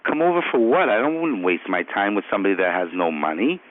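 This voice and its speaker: Smug prank caller, man, low voice with lively swings, heard over a tinny phone line. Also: quick pace, crowd noise. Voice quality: smug, condescending, boastful.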